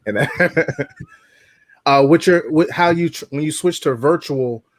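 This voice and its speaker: A man's voice: fairly high pitch, slow pace, dry recording. A man co-hosting a podcast, asking long rambling questions with frequent restarts. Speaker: podcast co-host. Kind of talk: casual podcast conversation.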